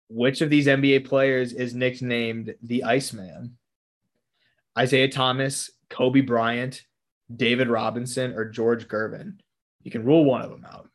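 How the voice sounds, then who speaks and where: A man's voice: mid-range voice, fairly even intonation, unhurried. A young man hosting a casual chat, reading quiz questions and options aloud, swearing casually and laughing often.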